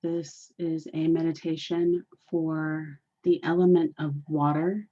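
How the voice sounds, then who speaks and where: Guiding a meditation, a woman speaks in a low, dark, mellow voice with soft husky edges, her pitch barely moving. Her soothing delivery is very unhurried, and she deliberately repeats phrases. The audio is slightly dull.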